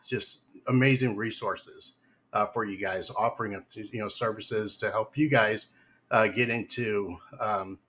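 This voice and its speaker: A man hosting a live podcast over a call, his voice bright and forward. He rambles a little, circling back with "um" and "you know" as he introduces his guest. His pitch sits in an ordinary middle range. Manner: rambling, many fillers and restarts. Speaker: podcast host. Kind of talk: casual live podcast interview.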